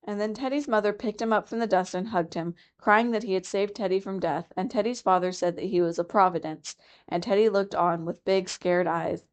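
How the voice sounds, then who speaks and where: A woman reading a classic children's book aloud in a calm, even, clear storytelling manner for a library program. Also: medium pitch, brisk, hardly any pauses.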